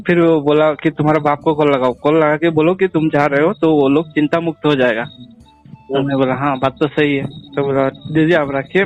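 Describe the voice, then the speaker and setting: A young man telling a personal story in casual chat, animated, laughing often and acting out the dialogue. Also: a little high. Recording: dull lo-fi sound with faint music.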